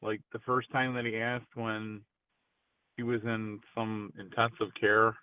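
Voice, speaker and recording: A man calls in over a tinny phone line for a casual chat, his voice low, unhurried and clean-toned. He's hesitant and keeps restarting his sentences, but becomes animated when something surprises him.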